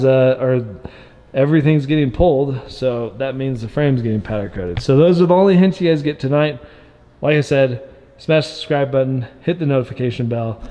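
A man at an everyday mid pitch talks straight to camera, casual and upbeat as he rambles through a project update. His voice rings with the long reverb of a large workshop. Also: mellow. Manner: rambling and upbeat, with asides and restarts. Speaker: vlog host documenting a truck build. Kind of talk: casual video diary.

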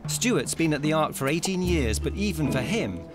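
A man's voice: fairly high pitch, big pitch swings, moderate pace. A man reading scripted narration as the narrator of a documentary. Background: loud background music.

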